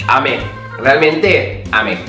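A man's voice: medium pitch, takes it slowly, sharp tone. A young man with an Argentine accent chatting casually and playfully as host of a snack-tasting vlog. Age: young adult. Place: small bare-walled room indoors. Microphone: camera a short distance away. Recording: roomy, distant camera microphone, faint music.

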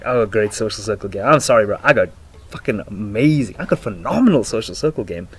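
With a voice on the low side, a man in his twenties rambles through a casual monologue, excitable and slangy, cursing and giggling like the self-improvement vlogger he is. He records on a house porch outdoors using a laptop's built-in mic at arm's length, and it's noisy.

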